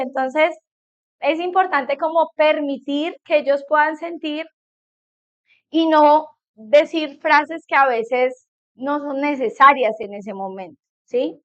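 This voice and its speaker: A middle-aged woman psychologist giving a conversational talk to a group of parents, often checking in with her listeners. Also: high-pitched. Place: meeting room with an audience. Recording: dull lo-fi recording.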